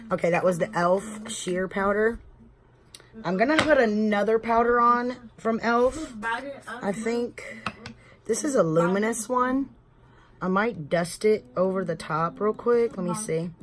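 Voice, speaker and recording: A woman in her thirties with a Texan accent speaks in a mid-range voice at a normal speed, with crowd noise around her. As a beauty vlogger, she chats and rambles casually through a makeup tutorial at home, talking to viewers as y'all.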